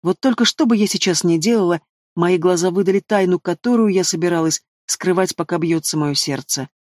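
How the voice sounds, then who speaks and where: Male narrator, fantasy audiobook, expressive first-person reading, high voice, dry close sound. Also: brisk, dry recording.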